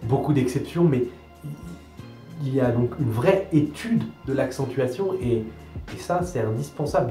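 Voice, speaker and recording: A man's voice: mid-range voice, mellow. A young French man coaching viewers on pronunciation, talking in an emphatic, teacherly way and repeating key points. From France. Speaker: language coach. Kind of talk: talking-head language advice video. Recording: echoey room with light guitar music.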